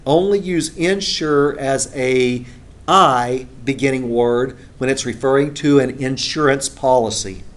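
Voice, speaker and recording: A man's voice: medium pitch, unhurried. Man teaching a class, conversational, lots of filler sounds, classroom recording. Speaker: instructor. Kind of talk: classroom lecture.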